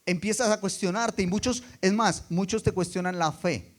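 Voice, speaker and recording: A man preaching a sermon, dropping quiet and then rising loud for emphasis, and putting rhetorical questions to the congregation. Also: high-pitched, moderate pace. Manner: expressive, swings between soft and loud for emphasis.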